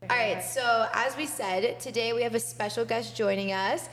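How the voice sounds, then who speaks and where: Giggly young woman co-host with a fairly high voice, casual chat. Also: normal speed, fairly bright tone, big-room sound, slight background noise. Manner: giggly, playful, laughs often. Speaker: podcast co-host.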